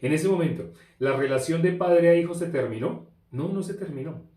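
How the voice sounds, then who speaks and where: A man's voice: on the high side, normal speed, dark tone. A man, preaching a sermon through a story, with emphatic repetition and rhetorical questions. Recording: echoey room.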